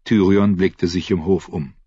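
A male narrator with a low, husky voice tells the story in a measured audiobook reading. The recording is dry and a little dull. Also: steady tone, dark tone, no echo. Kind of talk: scripted narration.

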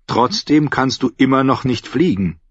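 A man voicing a solemn, wise boy seer who speaks in a grave, measured way. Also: medium pitch, expressive, breathy edge, no room sound, voice pushed up. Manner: measured, grave, slow speech. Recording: slightly dull dry recording.

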